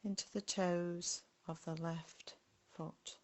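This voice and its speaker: A meditation guide leads a guided body scan in a slow, even, lowish woman's voice. She is gentle and unhurried, speaking short phrases separated by long pauses.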